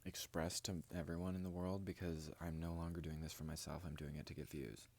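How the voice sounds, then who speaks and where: A man's voice: deep voice, level tone, a little fast, creaky, darkish tone. A man vlogging in a rambling, grandiose monologue straight to his viewers. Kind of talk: casual vlog monologue.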